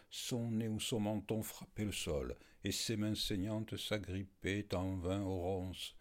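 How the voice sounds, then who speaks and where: Deep husky male storyteller. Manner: expressive storytelling. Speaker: audiobook narrator. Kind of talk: literary narration.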